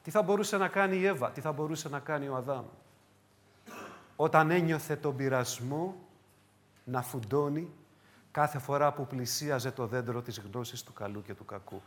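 A man preaching a sermon, swinging between loud cries and hushed low phrases, with repeated emphatic questions. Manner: repetitive, emphatic rhetorical questions.

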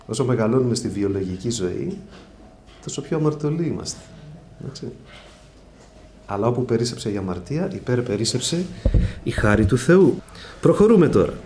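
A man's voice: mid-range voice, long pauses, a little hiss or hum. A man preaching a sermon, dictating points for listeners to write down and repeating key phrases with strong emphasis. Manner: addresses brothers, lively rises and drops. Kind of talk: sermon teaching. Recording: echoey room with faint ambience.

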